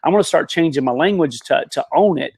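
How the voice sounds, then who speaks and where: A man's voice: a little high, fast talker, creaky, a little mellow, slightly rough, dry recording. A man giving an impassioned motivational rant on a live video panel, folksy, emphatic and repetitive. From rural area (said, country).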